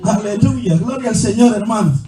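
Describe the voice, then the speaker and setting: High-voiced preacher in an echoey church. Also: male voice, moderate pace. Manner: calls the listeners "hermano" again and again; reads scripture aloud with a running commentary. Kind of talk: sermon. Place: church hall. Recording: echoey church hall, mic far off, faint music.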